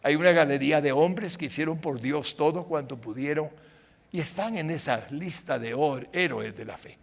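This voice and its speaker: An older man preaching as a pastor, acting out short dialogues and swinging between loud exclamations and hushed lines. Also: fairly high pitch, normal speed, gravelly. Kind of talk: sermon.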